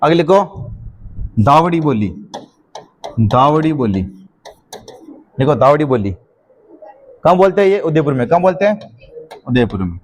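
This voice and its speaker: A man teaching a class and dictating notes for his students to write down. His voice sits a little high, and he keeps quizzing the class with a question before answering it himself. He repeats the same answers several times over. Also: sing-song, a little slow, pauses often.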